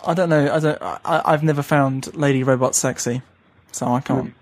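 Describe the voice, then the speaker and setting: A young man co-hosting a casual comedic chat, wry and deadpan, often stumbling and restarting. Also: medium pitch, normal speed. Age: young adult. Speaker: podcast co-host.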